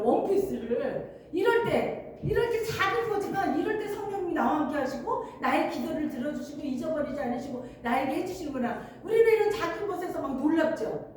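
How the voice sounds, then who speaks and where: Woman pastor preaching, high voice, really echoey hall, sounds far from the mic. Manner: earnest, emphatic, often laughing while speaking. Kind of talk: sermon. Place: church sanctuary. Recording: very echoey church hall, mic at a distance, faint noise.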